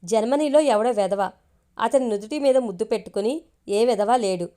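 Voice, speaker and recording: A woman's voice: a little high, moderate pace, mellow, close to an everyday voice. A woman voicing a playful young woman who teases the man she loves, read in a plain storytelling voice. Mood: teasing. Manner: teasing, affectionate.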